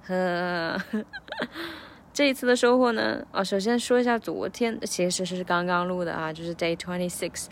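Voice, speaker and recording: A woman's voice: lowish voice, flat delivery, gravelly, slight background noise. A woman, an English teacher, casually talking through her lyric practice in a reflective vlog. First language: Chinese. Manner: reflective, breaks lyrics into slow drills.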